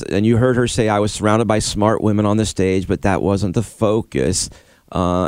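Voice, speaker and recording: A man's voice: lowish voice, a little mellow, smooth, no echo. A man co-hosting a radio show in casual banter, teasing with dry, wry humor.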